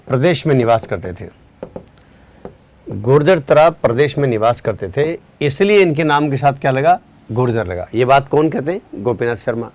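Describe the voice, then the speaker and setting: A male teacher running a live online exam-prep class, explaining at a relaxed, unhurried pace, quizzing students and answering their chat, tired at the end of a long day. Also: mid-range voice.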